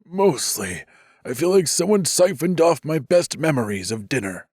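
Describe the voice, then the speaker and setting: A man voicing a weakened young man who jokes dryly through a raspy voice. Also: on the high side, very animated, normal speed, darkish tone, no echo, voice pushed up. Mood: wry faint. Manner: dry joking while faint.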